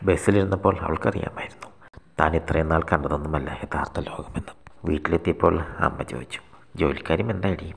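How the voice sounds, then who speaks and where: A man reading out a scripted short story, quick and half-whispered. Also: very deep voice, vocal fry, fairly bright tone, husky.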